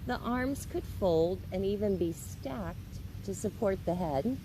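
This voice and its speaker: Unhurried woman guiding yoga, very slow pace. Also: mid-range voice, expressive, background noise. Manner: careful, unhurried, instructional. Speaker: yoga instructor. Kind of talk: guided yoga instruction.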